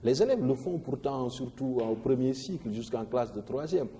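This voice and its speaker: A man, teaching a poetry lesson in an animated way, stressing syllables and often restarting his words. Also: mid-range voice, normal speed. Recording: long reverb.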